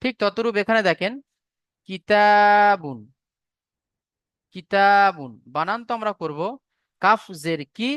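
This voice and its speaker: A man's voice: high-pitched, moderate pace, sharp tone, clear, resonant tone, no room sound, lo-fi sound. Patient male tajweed teacher, dry close mic. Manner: patient, repetitive explaining, spelling out syllables. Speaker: Quran recitation teacher. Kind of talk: online tajweed class lecture.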